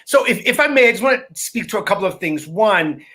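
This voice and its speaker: A man's voice: sits high, animated, fast, bright, forceful tone. A man speaking as a guest in a conversational talk, earnest and emphatic, often repeating words as he starts a sentence.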